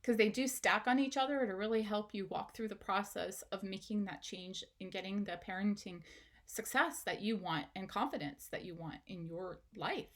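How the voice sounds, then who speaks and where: A woman's voice: medium pitch, moderate pace. A woman, a parenting educator, giving an instructional talk straight to the viewer, asking questions and encouraging them.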